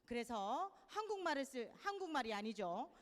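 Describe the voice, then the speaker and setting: Busan accent lady teaching sunday school, high voice, echoey hall, soft storytelling to kids. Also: sing-song, moderate pace. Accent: Busan Gyeongsang Korean. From Busan, South Korea. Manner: gentle, chatty storytelling to children. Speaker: children's ministry teacher. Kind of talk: children's church talk. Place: church hall.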